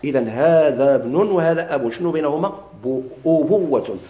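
رجل بلهجة مغربية يلقي درساً في الفرائض، يكرر المصطلحات ويسأل طلابه. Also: male voice, a little high, expressive, a little fast, warm tone, roomy sound. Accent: Moroccan Arabic. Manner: repeats key terms, quizzes students. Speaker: teacher of Islamic inheritance law. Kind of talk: classroom lecture, questions and answers.

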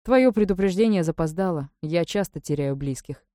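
A woman's voice: lowish voice, lively intonation, moderate pace, dark tone, no echo, clean studio sound, close to an everyday voice. A woman reading the lines of a cold, stern male ruler who speaks curtly and will not yield. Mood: cool. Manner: cold, curt, commanding.

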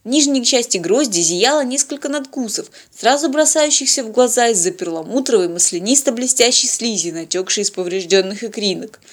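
A woman's voice: a little high, expressive, fairly quick, few pauses. A woman narrating a science-fiction audiobook with a dry, wry delivery.

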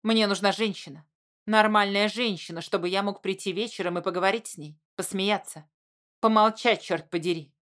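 A woman's voice: mid-range voice, moderate pace, fairly bright tone, lightly acted. A woman voicing Zhenya, a blunt, angry adult man who argues defensively.

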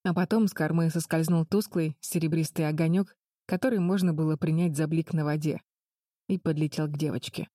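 A woman narrating a children's adventure audiobook in a calm, even storytelling manner. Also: low voice, fairly quick, dry recording, studio quality.

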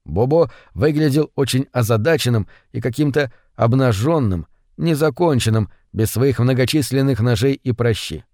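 A man reads an audiobook in an even, measured manner. His mid-range voice comes through clean studio audio with no room sound.

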